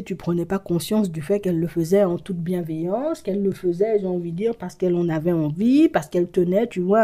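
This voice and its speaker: Mellow-voiced woman doing a card reading, chatty, lots of fillers, whispers sometimes. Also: mid-range voice. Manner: animated, repetitive fillers, drops into whispers. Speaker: card reader. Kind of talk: casual tarot-style reading to camera.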